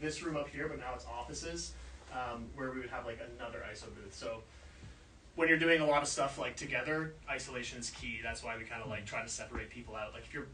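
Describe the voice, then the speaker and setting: A male engineer leads a studio tour, explaining in a casual, meandering way full of filler words. His mid-range voice comes across as bright and forceful, recorded from a distance in a roomy space with a little background noise.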